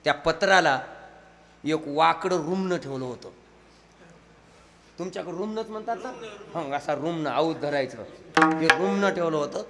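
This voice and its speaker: High, gravelly man preaching a lively kirtan. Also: moderate pace, pauses often, long reverb tail, a loud crowd. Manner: lively storyteller acting out village dialogue, shouting and laughing. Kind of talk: humorous kirtan sermon with storytelling.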